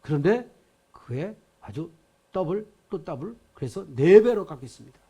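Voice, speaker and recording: Older male pastor, high voice, animated and emphatic sermon delivery. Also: moderate pace, slightly rough. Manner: dramatic, emphatic preaching. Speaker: emeritus pastor.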